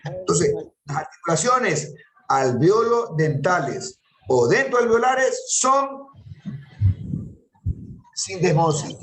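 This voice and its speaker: A man's voice: sits high, big pitch swings, slow pace, pauses often, fairly bright tone, roomy sound, low-quality recording. A man teaching an anatomy class, patiently repeating terms and quizzing his students. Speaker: anatomy lecturer. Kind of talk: classroom lecture.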